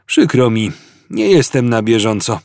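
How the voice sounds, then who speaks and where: A man voicing a gentle, melancholy old man who speaks softly and hesitantly. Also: mid-range voice, very animated, unhurried, no echo, clean studio sound, pitched above the performer's own voice. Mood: mild, wistful. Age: over 60. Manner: soft-spoken, hesitant, mournful.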